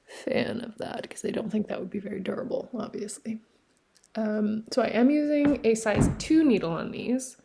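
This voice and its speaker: A knitting podcast host from Newfoundland, Canada, talks casually from a seaside cabin with a mid-range voice and a gravelly fry. Their chat wanders, full of fillers and quick self-corrections. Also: female voice, mid-range voice, a little mellow. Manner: chatty, rambling, with frequent fillers and self-corrections. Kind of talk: casual show-and-tell chat. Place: cabin by the sea.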